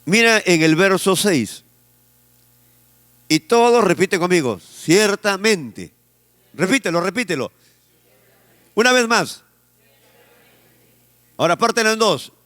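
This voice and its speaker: A man's voice: sits high, expressive, unhurried, long pauses, a bit bright, no room sound. A male pastor from Peru, preaching a sermon with a Peruvian Spanish accent and leading the congregation in repeating phrases back to him.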